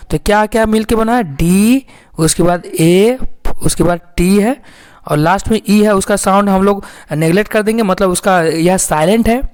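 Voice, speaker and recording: A woman teaching English phonics. She explains slowly, step by step, asks her own questions and answers them, and keeps checking in with viewers. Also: medium pitch, darkish tone.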